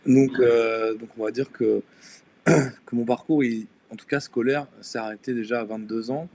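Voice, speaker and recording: Speaking with a lowish, slightly mellow voice, this young man from Denmark chats casually as a guest on a live stream, where he appears as an illustrator and tattoo artist. Danish is his first language and French is not his native tongue, so he hesitates often, filling pauses and restarting sentences. Slight noise sits in the background.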